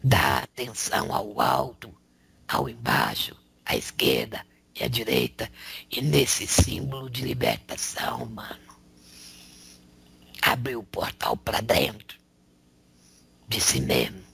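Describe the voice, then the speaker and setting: A man channeling a male spirit who preaches in a slangy, raspy whisper, tagging lines with rhetorical questions. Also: extremely low pitch, very animated, slow, pauses often, bright, forceful tone, exaggerated voice. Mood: preaching. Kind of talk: spiritual counsel.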